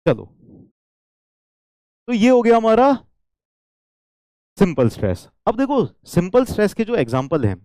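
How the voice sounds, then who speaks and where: A man's voice: high-pitched, wildly swooping pitch, a little slow, long pauses, mellow, no echo. A man teaching an engineering class, who keeps checking in with the students and repeats key points, now and then saying a line in English. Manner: switches into English lines. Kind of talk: engineering lecture.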